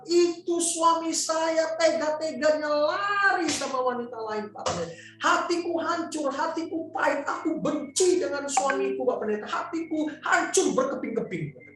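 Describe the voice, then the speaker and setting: A man's voice: very high voice, fairly bright tone, voice pushed up. A man voicing a bitter, heartbroken sick woman who pleads tearfully, in an echoey hall from far off. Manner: pleading, tearful, repeats a respectful term of address.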